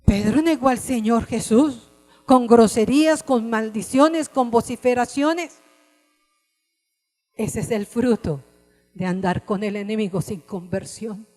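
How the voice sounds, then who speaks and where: A woman preaching a sermon with passion, rising to cries and dropping to hushed tones. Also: a little high, a little slow, long reverb tail, soft background music. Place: church service.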